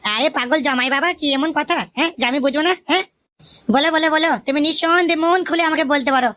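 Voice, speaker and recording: A woman voices a flirtatious mother-in-law in a cartoon, coaxing and wheedling in a bright, high voice at a very fast clip. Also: dull audio. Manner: rapid, wheedling.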